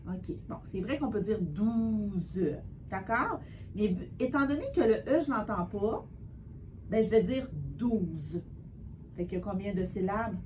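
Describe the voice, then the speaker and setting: A woman tutoring a child in spelling, patient and encouraging, sounding out words slowly. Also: medium pitch, animated, darkish tone, a little hiss or hum. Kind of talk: one-on-one spelling lesson.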